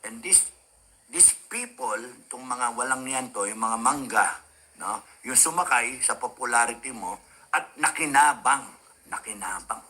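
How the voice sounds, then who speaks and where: A man's voice: medium pitch, expressive, a little slow, sharp tone, husky. A man ranting in a heated monologue, swearing and rambling with many fillers, like a radio commentator.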